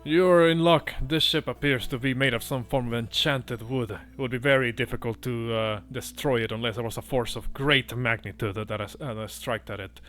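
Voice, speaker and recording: A man's voice: medium pitch, moderate pace, few pauses, a bit bright, natural voice. Guy doing sly boastful mustache twirling villain tinkerer for a dnd game, bit of music behind.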